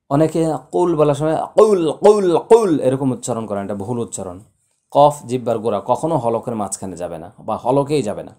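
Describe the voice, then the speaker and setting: A man teaching Quran recitation, chanting verses in a slow, drawn-out way and then spelling out the letters and rules in quick, low asides. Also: a little mellow.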